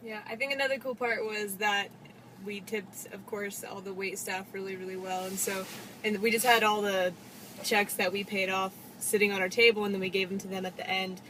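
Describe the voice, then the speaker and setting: A woman from a church outreach team chatting in a relaxed, run-on way. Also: mid-range voice, brisk, a little hiss or hum, poor audio. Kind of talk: casual chat.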